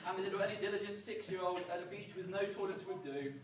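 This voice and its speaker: Echoey, high-voiced man giving wedding speech. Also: fast talker. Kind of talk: prepared humorous wedding speech. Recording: echoey, distant, noisy event recording.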